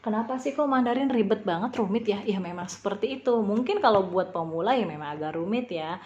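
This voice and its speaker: A woman teaching a beginner language lesson, patiently spelling out sounds and repeating them slowly. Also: medium pitch, expressive, darkish tone, lo-fi sound, a little hiss or hum.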